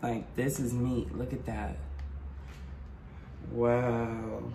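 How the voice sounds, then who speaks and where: A man chatting casually to camera in a food vlog, excitable and quick to swear, with nervous laughs. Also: mid-range voice, creaky. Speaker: vlogger. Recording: echoey room with faint background hum.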